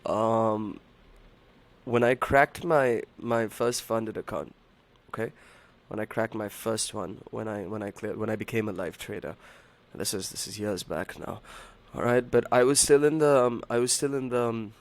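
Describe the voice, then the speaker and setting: A man hosting a trading livestream, talking casually and haltingly to his viewers in a hoarse voice that sounds unwell. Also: lowish voice. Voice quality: hoarse, strained voice. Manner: halting, repeats himself, addresses viewers as buddy and man. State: unwell, voice not as usual. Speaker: live trading stream host.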